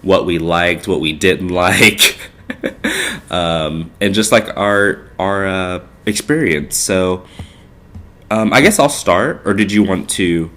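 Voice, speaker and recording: This congested young podcast co-host speaks slowly in a deep, pushed, bright voice. His casual chat wanders and is loaded with filler words, all delivered in an easygoing way.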